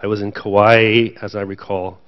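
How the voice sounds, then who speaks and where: A man's voice: lowish voice, level tone, normal speed, smooth. A man speaking as a panel speaker at a conference, chatty, with light self-deprecating jokes. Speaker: panel speaker, association president. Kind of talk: conference remarks. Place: conference room with audience. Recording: dull lo-fi event audio.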